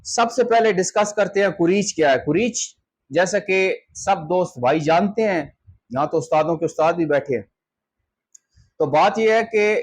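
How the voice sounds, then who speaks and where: A man from Pakistan, hosting a poultry channel and talking casually to camera, explaining step by step and checking in with his listeners often. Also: high voice. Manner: conversational, explaining step by step with frequent check-ins.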